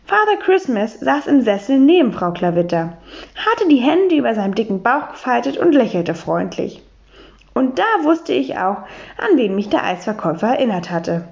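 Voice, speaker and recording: A woman reading a children's storybook aloud, telling it lively in the first person as a boy. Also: a little high, normal speed, creaky. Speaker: audiobook reader. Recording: dull lo-fi recording.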